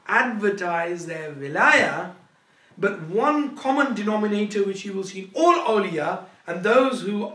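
Teacher with a high voice in an echoey room. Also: male voice, pushed and bright. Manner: joking storyteller, acts out quoted dialogue. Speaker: Islamic teacher. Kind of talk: Quran lecture. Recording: echoey room, voice far from the mic.

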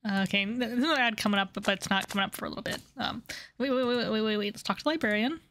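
A woman's voice: mid-range voice, rapid-fire, a bit bright, slight background noise. A woman giving casual, playful, giggly commentary while livestreaming a game. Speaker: game streamer.

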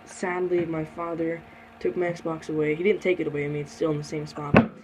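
A teenage boy hosting a casual question-and-answer chat, keeping things moving in a hurried way. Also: on the high side, level tone, a little mellow, slight background noise, low-quality recording. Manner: hurried, steering the talk along. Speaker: channel host.

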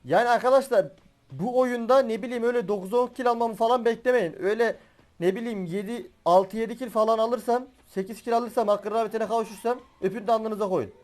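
Excitable high-voiced young gamer man. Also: fast talker. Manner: excitable, swears and laughs while playing. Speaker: gaming YouTuber. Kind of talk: live gameplay commentary.

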